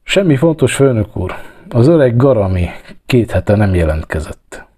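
A man's voice: mid-range voice, big pitch swings, mellow, breathy edge, pitched above the performer's own voice. A man voicing a thin, timid office clerk who stammers eagerly.

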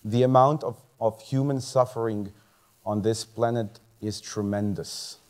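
A man's voice: on the low side, steady tone, a little slow, a little mellow. A man, a medical student giving a motivational talk on a large theater stage. He speaks earnestly, chuckles often and restarts words. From Croatia. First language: Croatian. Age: 30s.

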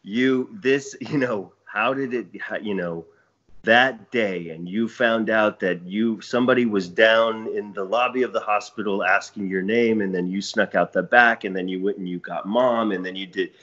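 Very deep-voiced man, rambling storyteller. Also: normal speed, fairly bright tone. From Chile. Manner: rambling, self-interrupting storyteller. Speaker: podcast guest. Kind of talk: casual podcast conversation. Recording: dull lo-fi audio.

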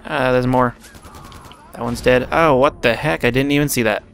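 Over his own gameplay, a gaming host with a gravelly, medium-pitched voice rambles casually to himself. Excitement sends his words out in quick bursts, and soft background music runs underneath.

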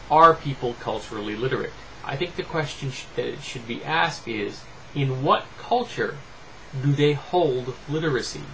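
A middle-aged man giving an opinionated book review to camera in deliberate, emphatic phrases with pauses. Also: mid-range voice, low-quality recording. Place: small home room lined with bookshelves. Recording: clear steady fan noise. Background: electric fan noise.

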